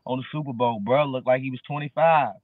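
A man's voice: mid-range voice, steady tone, quick pace, dry recording. A man in his early thirties, a guest musician talking casually in street slang on a video call. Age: early 30s. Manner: laid-back street slang, fillers like bro. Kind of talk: casual interview chat. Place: dark room at home. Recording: dry, tinny phone-like video call.

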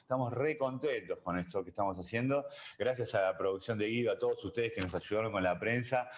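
A man's voice: on the low side, quick pace. A man with an Argentine accent in casual chat, telling jokes and laughing at his own punchlines. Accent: Argentine Spanish. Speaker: comedian guest.

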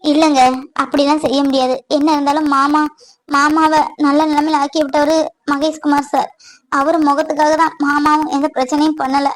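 A woman's voice: high-pitched, little pitch movement, normal speed, natural voice, rough recording. A woman voicing a caring married young woman who earnestly reassures and advises a friend.

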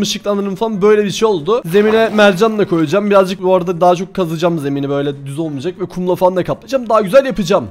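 A man giving playful, theatrical commentary on his own game, addressing viewers and in-game animals in a mock-dramatic tone. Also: high voice. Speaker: gaming YouTuber. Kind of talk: playful Minecraft let's-play commentary.

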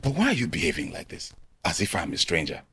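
An actor playing a scheming, smooth-talking man with a Nigerian English accent, chuckling and coaxing with an oily charm. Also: deep voice, wildly swooping pitch, fast, fairly bright tone, full character voice. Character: scheming smooth-talking middle-aged man, wealth-hungry. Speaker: family friend, widower-seeking suitor. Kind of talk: film drama dialogue.

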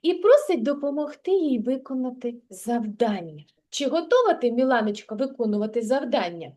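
A woman teaching a lesson to small kindergarten children, speaking in a sing-song, drawn-out, coaxing way and reciting little rhymes. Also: fairly high pitch, sing-song, warm tone. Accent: Ukrainian.

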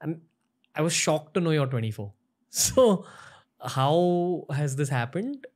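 A young man from India hosting a podcast, speaking earnestly into a studio mic and letting his lines fall soft at the ends. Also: on the high side, expressive, slow. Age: young adult. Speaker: podcast host. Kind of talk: podcast interview and intro monologue. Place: studio set with shelves, indoors. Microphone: desk-mounted podcast mic.

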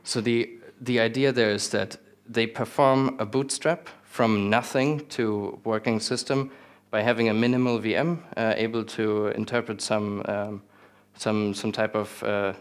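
A young man giving a technical talk with slides in a small lecture room, relaxed, with many fillers and restarts and some dry humor. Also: lowish voice, a little slow, clear, resonant tone. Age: young adult. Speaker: conference speaker.

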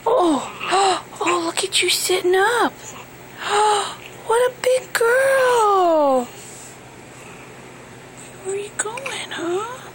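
A woman's voice: very high-pitched, animated, extremely slow, pauses often, a bit bright, slight background noise. A woman cooing to her newborn in sing-song baby talk, gasping and gushing between short phrases. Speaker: mother talking to her newborn.

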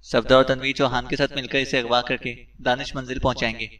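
A man voicing a shrewd male secret service chief who speaks briskly and gives orders. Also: mid-range voice, little pitch movement, fairly bright tone, distant mic, lightly acted, rough recording. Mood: commanding. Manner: brisk and commanding.

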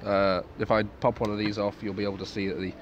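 A man with a fairly low voice reviews gear in a casual, off-the-cuff way. He is understated and sweary, muttering asides as he goes. He is recorded outdoors with some background noise. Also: flat delivery, quick pace, highs cut off. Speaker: military surplus gas mask reviewer. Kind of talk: casual unscripted product review. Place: outdoors in a garden at night. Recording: clearly noisy outdoor recording.

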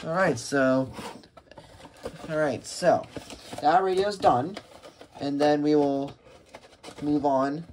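A man giving casual unboxing commentary as a radio collector, talking in a halting way with many restarts and fillers. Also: on the high side. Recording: steady background noise with packaging crinkles and clicks.

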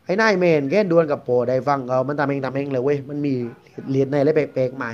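A man with a Southern Thai accent tells a ghost story as a guest, in a loose, rambling, conversational way. He talks fast at a mid pitch. The recording sounds dull and lo-fi. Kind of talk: casual spoken ghost story telling.

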